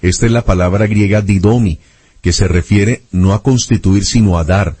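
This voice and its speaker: A man with a fairly low voice speaks at a normal speed over a background crowd. He's interviewing a guest, methodically reading Bible verses aloud and looking up the references as he goes, turning the conversation into scripture reading.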